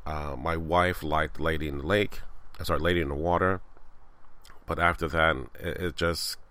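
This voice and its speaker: A man's voice: rumbling low, fairly even intonation, moderate pace, sharp tone, clear, resonant tone, no echo. A man hosting a casual solo podcast from his backyard, chatty and rambling, his voice a little scratchy this morning. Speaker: podcast host. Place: outdoors in a backyard.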